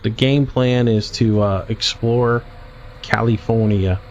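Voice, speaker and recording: A man streaming a game and casually answering chat questions in a relaxed, drawling way. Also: on the low side, takes it slowly. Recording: dull lo-fi stream audio with faint vehicle noise.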